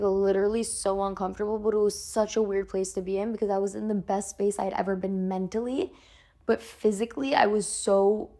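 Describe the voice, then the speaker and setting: A young adult woman, a guest on a podcast, tells a candid personal story in a chatty, casual way, filling her speech with "like" and swearing freely. Her voice is mid-range with a dark tone.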